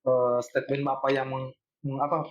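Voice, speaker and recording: A man's voice: medium pitch, little pitch movement, normal speed, highs cut off. A man with a Palu Indonesian accent, hosting an interview podcast and asking short questions in reply to his guest. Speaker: podcast host. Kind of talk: conversational interview.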